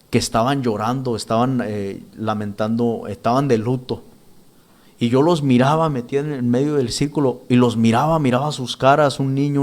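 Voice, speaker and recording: Casting: male church minister, mid pitch, earnest, stop-start testimony delivery. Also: darkish tone. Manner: earnest, halting, with many restarts and repeated words. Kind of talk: spoken testimony.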